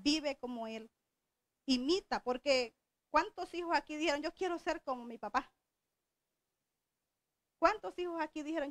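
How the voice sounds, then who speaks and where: Woman preacher from El Salvador, middle-aged, high voice, conversational sermon delivery, dry close recording. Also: dry recording. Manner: conversational, asks the congregation questions.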